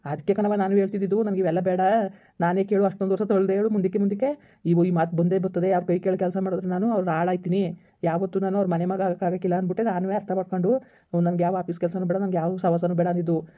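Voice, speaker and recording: The voice sits high, fast and flat. It belongs to a man acting as the husband in a family skit, who keeps angrily and insistently scolding his wife during a phone call.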